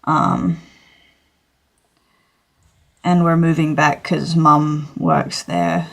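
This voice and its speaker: A woman's voice: deep voice, very animated, drawn-out words, vocal fry. A teenage girl from Australia, chatting casually on a drawing livestream and rambling with lots of fillers and self-corrections. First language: English. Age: teens. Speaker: streamer.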